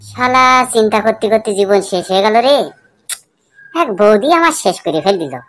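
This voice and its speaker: A woman's voice: medium pitch, animated, moderate pace, noisy background, close to an everyday voice. A woman voicing a fretful, grumbling young village man in a cartoon. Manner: grumbling, swears a lot. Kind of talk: cartoon voice acting.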